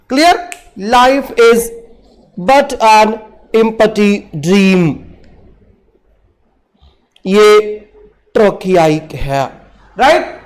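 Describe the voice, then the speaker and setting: Male lecturer, very high pitch, slow deliberate delivery, reads verse aloud and quizzes students. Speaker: English literature teacher. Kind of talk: exam-prep lecture in Hindi and English.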